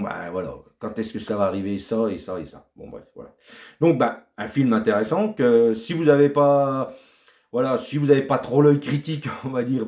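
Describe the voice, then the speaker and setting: A man's voice: fairly low pitch, a little mellow, reverberant. A man giving a casual, rambling film review to his viewers, repeating words for emphasis and trailing off with fillers.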